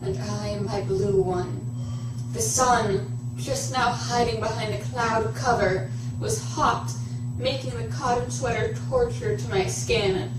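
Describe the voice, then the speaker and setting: A woman's voice: fairly high pitch, fairly even intonation, slow pace, background noise. A young woman co-hosting, casually reading fan fiction aloud with playful, theatrical comic asides. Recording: echoey room, distant mic.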